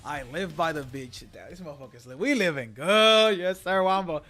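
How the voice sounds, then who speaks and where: A man hosting a live watch party, hyped and profane, shouting out his chat. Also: a little high, fairly quick, soft background music. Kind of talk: casual watch-party reaction.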